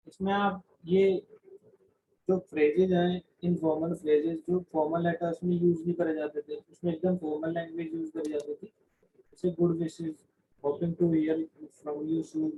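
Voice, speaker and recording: Speaking slowly with long pauses, a man with a high, creaky voice lectures a class. He explains in Hindi mixed with English terms and often starts sentences over, all captured in a dull, lo-fi recording.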